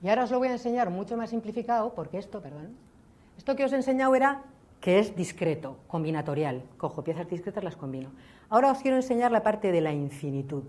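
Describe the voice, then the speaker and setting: A woman giving a lively public science lecture, often checking in with her audience. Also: mid-range voice, fast. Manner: lively, chatty, addresses audience with ¿vale?. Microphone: speaking to a hall audience.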